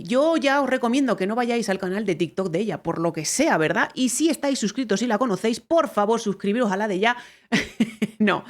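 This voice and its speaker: A woman from Spain with a Spanish accent, hosting a reaction video in chatty, emphatic casual talk full of fillers. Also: medium pitch. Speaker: reaction channel host. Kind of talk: casual chat.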